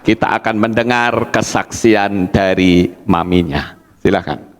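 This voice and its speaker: Slow-speaking pastor in a reverberant hall. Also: male voice, lowish voice, slight background noise. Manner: slow, deliberate, addresses congregation often. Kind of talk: sermon and church announcements. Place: church hall.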